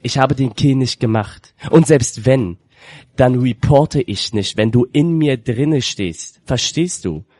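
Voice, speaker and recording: A man arguing heatedly in a game voice chat, exasperated and shouting in bursts. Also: medium pitch, slow pace. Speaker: gamer in voice chat.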